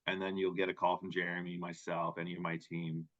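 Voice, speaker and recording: Deep monotone guy hosting a webinar demo, casual chatty, muffled lo-fi sound. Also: fairly quick. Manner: casual, conversational, with fillers. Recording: dull lo-fi audio.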